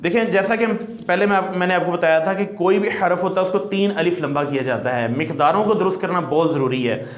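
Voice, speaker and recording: A man's voice: sits high, echoey room. A man teaching Quran recitation who explains patiently and draws out letter sounds as long demonstrations. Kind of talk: classroom lesson.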